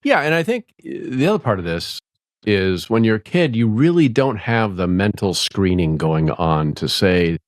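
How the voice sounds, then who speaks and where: A man's voice: fairly low pitch, big pitch swings, normal speed, dry recording. A man co-hosting a podcast in casual chat, with a dry, wry sense of humor. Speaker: podcast co-host.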